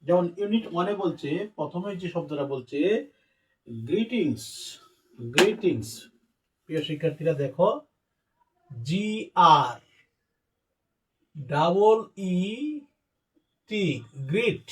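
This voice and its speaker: A man's voice: fairly high pitch, expressive, measured pace, long pauses, far from the mic, low-quality recording. A male English teacher giving a spelling and pronunciation lesson, spelling out letters one by one and talking directly to his students.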